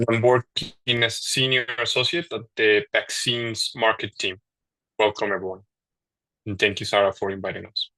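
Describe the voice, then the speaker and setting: Colombian man with a bright voice. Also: fairly low pitch, flat delivery, normal speed, no room sound, poor audio. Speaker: panelist. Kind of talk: webinar introduction.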